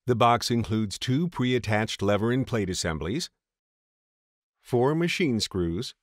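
A man reading a scripted voice-over for a step-by-step installation tutorial, in a steady, measured way. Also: medium pitch, dry recording, studio quality. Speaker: tutorial narrator.

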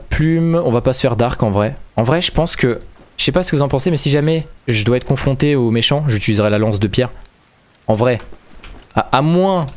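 Brief: young male gaming host, casual let's-play patter, excitable, stammers, mid-pitched voice. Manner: excitable, stammers over words.

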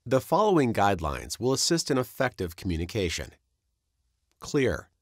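Reading from a script, a man with a fairly low voice narrates a training course in a measured, instructive way, though his intonation is lively and varied. The voice-over is dry and close-miked.

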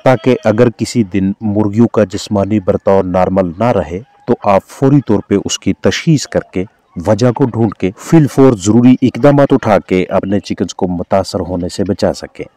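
A man's voice: lowish voice, normal speed, dry recording. A man with a Pakistani Urdu accent, a veterinarian giving formal, instructive, scripted voice-over narration. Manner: formal, instructive, steady delivery.

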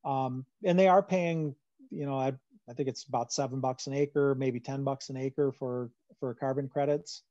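A Midwestern man fields questions on a video call, his voice mellow and dark and the sound dry and close. The audio is dull and lo-fi, like a computer microphone. He talks in a loose conversational way, full of fillers and restarts. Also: medium pitch, steady tone, normal speed, no echo. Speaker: farm finance presenter. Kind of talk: answering audience questions in a webinar. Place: home room on a video call.

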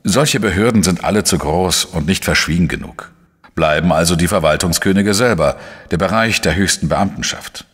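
A shrewd, dry male investigative journalist narrates his own case in a German crime radio play, moving between narration and dialogue. His voice is very low and husky yet fairly bright in tone, and the sound is reverberant. He reasons in a measured, explanatory, matter-of-fact way.

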